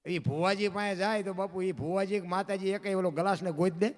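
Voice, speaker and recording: A man's voice: high-pitched, fairly even intonation, fairly quick. A man, a folk storyteller telling a devotional tale with emotion and voicing the characters in dialogue. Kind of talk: Gujarati dayro devotional storytelling. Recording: faint music behind the voice.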